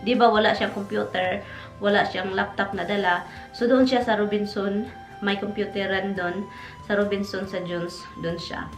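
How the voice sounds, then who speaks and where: A woman's voice: mid-range voice, fairly even intonation, moderate pace. A Filipina woman vlogger telling a personal story in a casual, emotional, rambling way, addressing viewers as "guys" over and over. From Philippines. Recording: echoey room with faint music.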